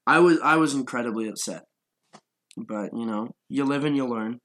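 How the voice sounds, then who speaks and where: A man's voice: mid-range voice, normal speed, a bit bright. Rambling young man telling a story. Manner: rambling storyteller, laughs often. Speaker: podcast host. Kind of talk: casual chat.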